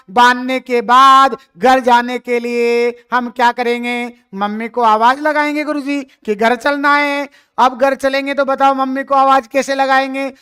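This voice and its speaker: In a classroom lecture, a man with a very high-pitched, bright, forceful yet smooth voice teaches a lesson. He stretches his vowels and poses questions that he then answers himself.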